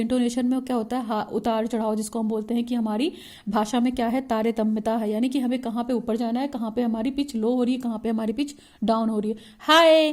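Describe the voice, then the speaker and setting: Woman teacher, fairly high and mellow voice, steady online lecture with frequent check-ins.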